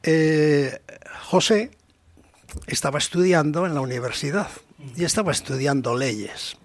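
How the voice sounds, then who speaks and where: A man from presenting a radio section on the paranormal and telling a story in a measured, explanatory way into a studio microphone. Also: on the high side.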